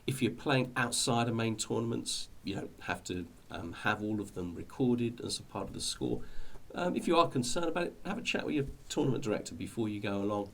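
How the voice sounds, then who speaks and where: Talking informally to his viewers, a middle-aged British video host explains things in a fairly low voice, rambling and hesitant and frequently retracing his words. His intonation is lively, his pace fairly quick, and he barely pauses.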